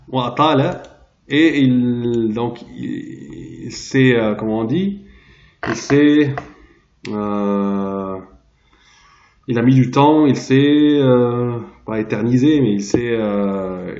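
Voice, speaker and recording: A man teaching a translation lesson, pausing often and searching aloud for the right word. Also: mid-range voice, darkish tone. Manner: hesitant, searching aloud for words. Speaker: Arabic teacher. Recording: roomy, dull lo-fi sound.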